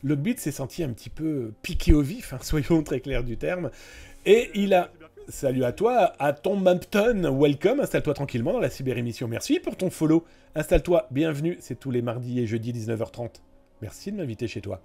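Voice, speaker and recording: A man's voice: a little high, expressive, moderate pace, vocal fry, warm tone, soft background music. A man hosting a live-stream cybersecurity news show, chatting casually and talking straight to his viewers. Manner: chatty, addresses viewers directly, many fillers and asides.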